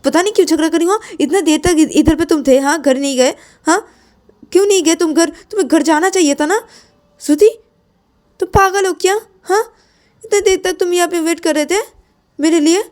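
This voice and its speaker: Woman voicing Shreya, a shrill scolding girlfriend. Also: darkish tone. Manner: shrill, rapid questioning, repeats "haan?". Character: scolding, exasperated young woman.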